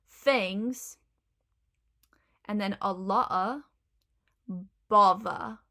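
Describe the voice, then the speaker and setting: A young woman with a creaky, mid-range voice hosts a casual video tutorial on accents. She explains pronunciation step by step, gives examples, and says um often.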